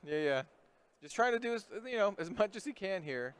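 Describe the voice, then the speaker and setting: A man's voice: high voice, sing-song, brisk, clear, resonant tone. A man giving color commentary on a card game tournament, laughing often and agreeing with his partner on a booth headset.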